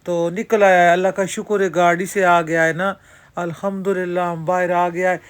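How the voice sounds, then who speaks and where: A woman's voice: fairly low pitch, clear, resonant tone. A woman vlogger talks casually into a handheld phone at an outdoor amusement park. She chats straight to her viewers and keeps dropping religious phrases into her talk. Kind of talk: casual vlog narration.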